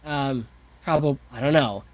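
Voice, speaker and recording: A man's voice: medium pitch, a little slow, dry recording, highs cut off. A man talking casually and thoughtfully on a podcast, full of fillers, restarts and self-corrections. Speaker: podcast guest, composer. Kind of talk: casual discussion.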